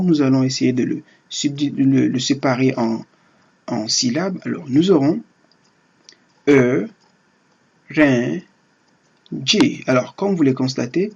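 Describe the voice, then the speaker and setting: A man giving an online language lesson in French, halting and often restarting his words as he explains step by step. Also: fairly high pitch, a little mellow, husky, muffled recording. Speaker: Turkish language teacher.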